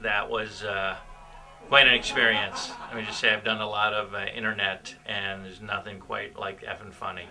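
A man's voice: on the low side, little pitch movement, normal speed, pushed and bright, faint music behind, poor audio. A man with a thin, whiny voice doing stand-up comedy in a conversational, mock-puzzled way, reading copy aloud with joking asides.

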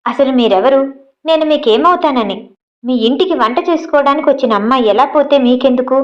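A woman's voice: high voice, lively intonation, a little fast, lo-fi sound. A woman doing a curt, defiant young heroine.

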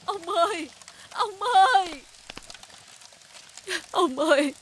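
A woman's voice: very high-pitched, drawn-out words, fairly bright tone, a little hiss or hum, full character voice. A woman voicing an anxious middle-aged village wife in a cartoon, pleading in tone. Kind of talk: 3D cartoon dubbing.

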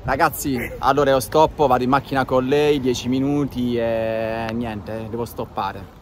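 A man in his thirties with an Italian accent, live streaming in a casual, flirtatious, excitable way and often repeating his phrases. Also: medium pitch, a little slow. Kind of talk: casual live street vlog, switching between languages. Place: outdoors on a city street by a road. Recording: noisy city street with traffic.

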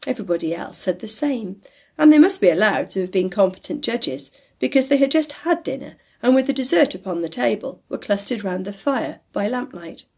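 A woman with a husky voice narrating a classic novel aloud in an expressive, measured storytelling manner. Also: medium pitch.

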